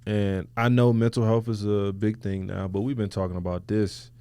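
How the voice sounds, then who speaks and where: A man's voice: lowish voice, flat delivery, normal speed, dark tone, clean tone, no echo. A man hosting a podcast, talking reflectively in loose, slangy, casual conversation. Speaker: podcast host.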